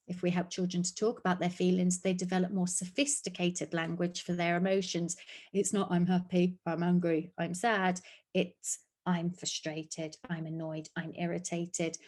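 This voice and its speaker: A woman with a British accent presenting an online webinar, speaking in an earnest, reassuring way and modeling gentle phrases to say to children. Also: medium pitch. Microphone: video call.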